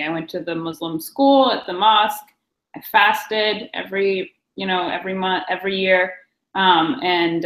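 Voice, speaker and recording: A woman's voice: mid-range voice, fairly bright tone, roomy sound, rough recording. A woman speaking as a panelist in a discussion, reflective and searching for her words.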